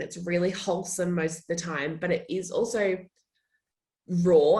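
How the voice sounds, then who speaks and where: A woman's voice: medium pitch, a bit bright. A young woman from Australia, a social media manager, chatting in a casual interview and laughing often.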